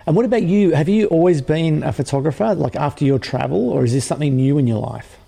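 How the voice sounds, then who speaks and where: A man hosting an interview, reading a measured introduction and asking questions in an earnest way. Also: a little high, vocal fry, mellow, husky, big-room sound. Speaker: podcast host.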